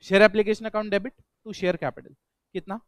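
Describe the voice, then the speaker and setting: A man's voice: sits high, level tone, fast, fairly bright tone, no echo. A man teaching an accountancy class to students in a classroom. He keeps asking the students questions, repeats them, and drills the answers back, mixing English accounting terms into his speech. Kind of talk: classroom lecture.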